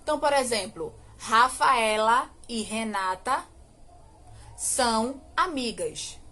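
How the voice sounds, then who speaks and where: In a recorded online lesson, a Brazilian woman teaches children English grammar with a Brazilian Portuguese accent and a fairly high, animated voice that sounds pushed and bright. She explains quickly, stretches out each example sentence slowly, and checks in with rhetorical questions and frequent "ok?".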